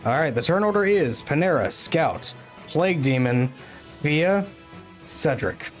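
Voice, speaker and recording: A man's voice: a little high, animated, measured pace, faint music behind. A man narrating as game master of an online tabletop game, often stammering and restarting his sentences.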